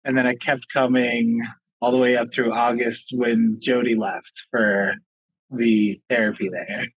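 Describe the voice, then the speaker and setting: A man's voice: mid-range voice, flat delivery, unhurried, breathy edge, dry recording. A man interviewing a guest over a video call, talking in an easygoing, hesitant way with many fillers. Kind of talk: casual video call chat. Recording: dull, dry video call audio.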